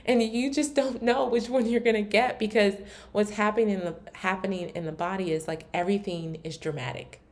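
A woman's voice: mid-range voice, steady tone, fairly quick, a little mellow. A woman from Maryland hosting her own podcast, talking in a candid, reflective way with a lot of "like" fillers and restarts. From Maryland, USA. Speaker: podcast host. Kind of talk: casual solo podcast talk.

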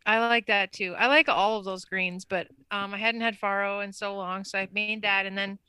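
Bright, clear-voiced woman co-hosting a podcast. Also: medium pitch, moderate pace, no echo. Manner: chatty, animated, laughs often. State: just back from a hard workout class. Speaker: podcast co-host. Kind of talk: casual chat.

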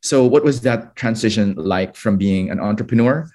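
A man with a lowish voice interviews a guest. He asks long, wandering questions padded with fillers and hedges. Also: normal speed, mellow. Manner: fluent but hedging, many fillers.

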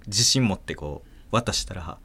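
A man with a Kansai accent, hosting a podcast and telling a story in a casual, animated way, acting out voices and laughing often. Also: low-pitched, normal speed, breathy edge. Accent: Kansai Japanese. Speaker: podcast host.

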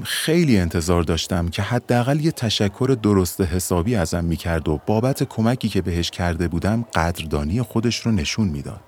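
Young guy narrating his own story, low voice, casual chatty telling. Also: a little mellow. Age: young adult. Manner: colloquial, conversational storytelling. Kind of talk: first-person audio story narration.

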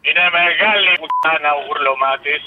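A man's voice: on the high side, heavy background noise. A man calling into a radio show, ranting with crude insults. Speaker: caller. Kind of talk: casual phone-in chat. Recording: tinny phone line.

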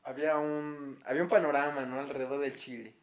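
A man's voice: fairly high pitch, level tone, quick pace. A man with a Mexican Spanish accent chatting casually as a podcast co-host, joking in slang and laughing often. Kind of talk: casual chat.

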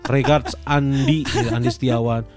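A man's voice: mid-range voice, fairly even intonation, unhurried, loud music behind the voice. A young man with a Sundanese accent, casually reading a listener's story aloud on a podcast, swearing and slipping into local dialect. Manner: swears often, slips into local dialect, laughs through lines.

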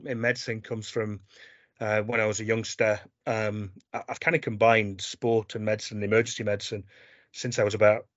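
Low, flat-voiced man. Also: no echo, lo-fi sound. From South Yorkshire, England. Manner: self-deprecating, many ums and restarts. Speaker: guest, sports medicine doctor. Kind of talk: casual interview chat.

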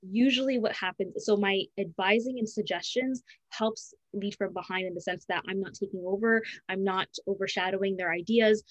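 A student advisor is being interviewed, speaking in a medium-pitched, fairly even voice with no room sound, though the audio is poor. She answers earnestly and conversationally at a fast pace, often restarting and correcting herself.

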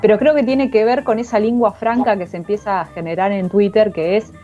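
A woman's voice: medium pitch, steady tone, a little fast, warm tone, highs cut off, soft background music. A woman with an Argentine accent, an author talking casually about her book in an interview, slangy and thinking aloud. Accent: Argentine Spanish. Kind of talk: casual conversation.

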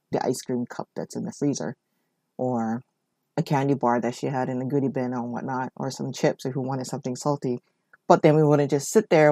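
With a warm, bass voice and no room sound, a Hawaiian woman in her 40s shares her life story as a podcast host. It's a personal monologue, rambling and conversational, with frequent "you know" and "whatnot."

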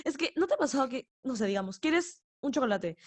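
A woman's voice: high voice, expressive, a little fast, darkish tone, no echo. A young woman co-hosting a casual podcast chat, rambling along with lots of filler words. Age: young adult. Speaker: podcast co-host.

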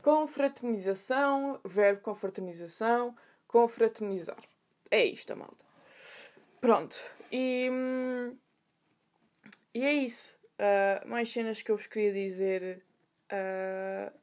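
A young woman with a European Portuguese accent hosts a podcast, telling a story in a chatty monologue packed with slang and asides. Her mid-range voice moves at a slow pace with frequent pauses, though her manner stays animated.

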